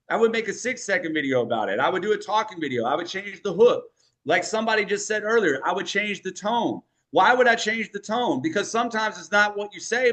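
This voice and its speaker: A man coaching a group on sales in an energetic, punchy way, often checking in with "right?". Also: sits high.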